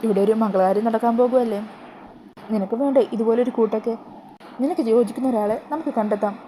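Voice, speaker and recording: A woman's voice: on the high side, mellow, slight background noise, close to an everyday voice, poor audio. A woman putting on a stern, proud father. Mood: commanding. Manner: commanding, slow.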